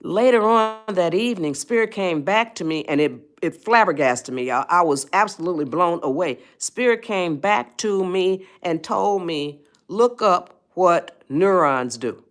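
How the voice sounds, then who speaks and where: A woman's voice: lowish voice, normal speed, hardly any pauses. A woman author giving a live-stream talk on parenting, emphatic and repetitive and often checking in with her viewers. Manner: speaks directly to viewers as a group.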